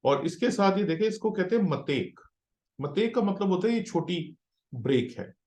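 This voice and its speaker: A male pastor teaching Biblical Hebrew in a slow classroom lecture, patiently repeating words syllable by syllable. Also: high voice, sing-song, darkish tone. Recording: roomy echo.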